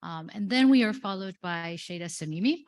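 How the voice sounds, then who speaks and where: A woman's voice: on the low side, animated, a little fast. A woman moderating a conference panel, introducing the guests and asking questions with many hesitations.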